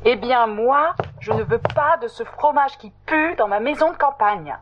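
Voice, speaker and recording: Tiny prim female creature, high squeaky voice, quick to protest; storybook; woman reader plays her. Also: highs cut off, lightly acted. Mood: indignant. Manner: high, indignant, drawn-out exclamations. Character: tiny fussy female creature, easily indignant.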